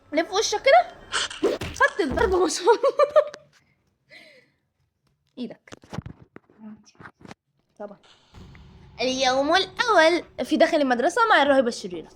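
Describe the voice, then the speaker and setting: A woman with an Egyptian Arabic accent hosting a horror game let's-play, excitable and jumpy as she talks through her fright. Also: high voice, quick pace, pauses often, slight background noise. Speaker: gaming channel host.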